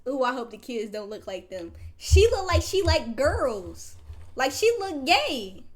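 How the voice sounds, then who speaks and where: A woman's voice: high voice, big pitch swings, a little slow. A woman streamer giving casual reaction commentary in a blunt, mocking manner.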